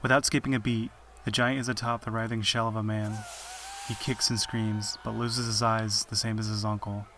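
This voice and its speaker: A man hosting a history podcast, telling it in measured, dramatic scripted narration. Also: lowish voice, little pitch movement, background noise. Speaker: podcast host. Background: music.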